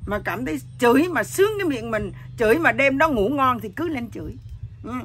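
A middle-aged woman with a husky voice that sounds neither male nor female, telling her story bluntly and with animation. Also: fairly high pitch, expressive, fairly quick, slight background noise. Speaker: interviewee. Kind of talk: candid emotional chat.

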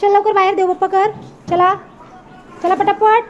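With an extremely high pitch and little pitch movement at normal speed, a woman with an Agri Marathi accent from Bhiwandi near Thane, India, narrates a casual vlog under a coconut tree in a village yard. She minds a toddler, coaxing in a sing-song voice. Highs are cut off, with faint music behind.

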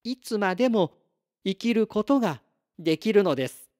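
A man voicing a polite, clever boy from a star in a storybook read-aloud, speaking formally and calmly. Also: high voice, normal speed, voice pushed up. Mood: earnest. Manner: formal, courteous, calm.

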